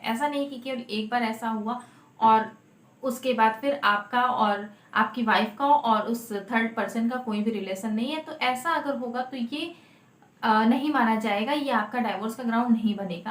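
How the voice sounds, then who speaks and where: A woman with a high, fairly bright voice speaks to camera in an echoey, untreated room. She's a lawyer making legal advice videos, explaining the law informally and emphatically as an advocate, often repeating and rephrasing her key points.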